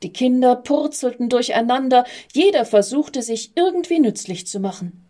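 A woman calmly reading a children's story aloud. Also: a little high, normal speed. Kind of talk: read-aloud storybook narration.

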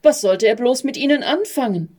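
A woman calmly reading a children's story aloud. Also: a little high, normal speed. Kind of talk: read-aloud storybook narration.

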